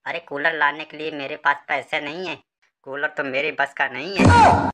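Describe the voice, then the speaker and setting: A woman's voice: sits low, steady tone, moderate pace, very noisy, close to an everyday voice. A woman voicing a grumbling, broke middle-aged husband in a comic skit.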